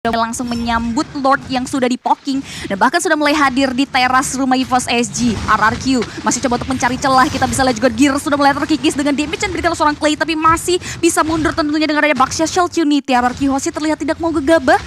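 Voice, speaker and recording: A woman's voice: sits high, steady tone, fast, fairly bright tone, slight background noise. A woman with an Indonesian accent giving wordy, flowing live play-by-play commentary on an esports match.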